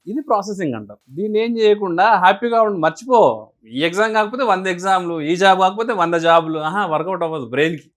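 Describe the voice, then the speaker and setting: A man explaining emotions in an interview, asking and answering his own questions in an animated way. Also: high-pitched, fast. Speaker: guest speaker on emotions.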